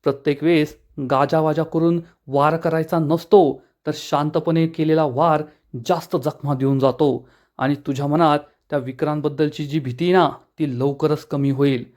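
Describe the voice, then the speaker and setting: A man's voice: a little high, fairly even intonation, normal speed, darkish tone, lightly acted. A man voicing a fierce, protective father who is a powerful lawyer, speaking in a stern, threatening manner. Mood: stern tender.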